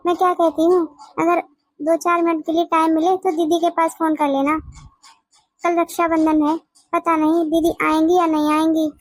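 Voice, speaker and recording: A woman's voice: very high-pitched, little pitch movement, moderate pace, no room sound. A woman voice-acting an earnest, pleading young wife in a family cartoon. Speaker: cartoon voice artist.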